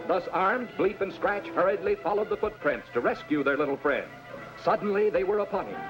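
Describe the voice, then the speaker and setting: A man playing an earnest, dramatic storyteller, narrating a children's adventure in vintage 1950s cartoon style. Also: high voice. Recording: dull vintage cartoon soundtrack with music.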